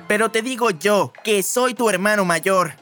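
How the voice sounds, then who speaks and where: An actor voices an insistent older brother passing on orders to his sister. The voice is mid-pitched and plain. Faint music plays underneath. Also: normal speed, fairly bright tone, lightly acted. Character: older brother, young, bossy.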